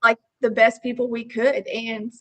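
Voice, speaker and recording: Higher-pitched Texas woman with a drawl. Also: little pitch movement, unhurried. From Texas Panhandle, United States. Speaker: podcast guest, roofing company owner. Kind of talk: casual conversational storytelling.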